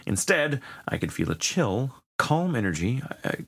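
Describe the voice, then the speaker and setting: A man's voice: mid-range voice, moderate pace, gravelly, husky. A man co-hosting a podcast, chatting casually and reading listener letters aloud, joking and swearing. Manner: swears freely, animated and joking. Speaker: podcast co-host.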